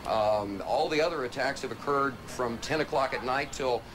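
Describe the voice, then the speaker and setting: A man working as a TV correspondent, giving a live breaking-news report in a halting, hesitant way, searching for words. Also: medium pitch. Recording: loud noisy outdoor live location sound. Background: loud ambient noise, air raid sirens.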